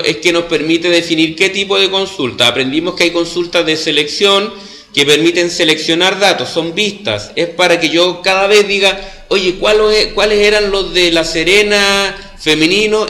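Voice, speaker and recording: Chilean male teacher: a bright, step-by-step explainer who checks in with the class; echoey classroom sound. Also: fairly high pitch. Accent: Chilean Spanish. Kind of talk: classroom lesson.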